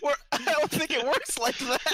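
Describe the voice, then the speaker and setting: A woman player teasing her friends in a casual online tabletop game. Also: high-pitched. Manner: teasing, laughs often.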